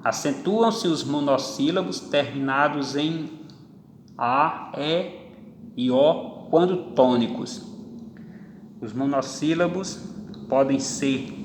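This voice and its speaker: A male grammar teacher explains rules at an unhurried, deliberate pace. He draws out each example word clearly. The recording sits in an echoey room with a long, lingering reverb. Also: medium pitch, slight background noise. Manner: slow, deliberate, stretches out example words. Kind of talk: classroom grammar lesson.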